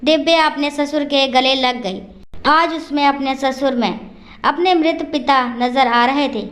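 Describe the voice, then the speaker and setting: A woman storyteller narrating a scripted family story in a calm, even manner. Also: sits high, roomy sound.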